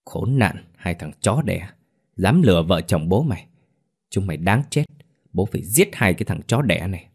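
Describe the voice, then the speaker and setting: A man's voice: low-pitched, animated, moderate pace, darkish tone, slightly rough, full character voice. A man voicing a snarling, cursing cheated husband. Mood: enraged. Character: furious scheming husband, middle-aged man.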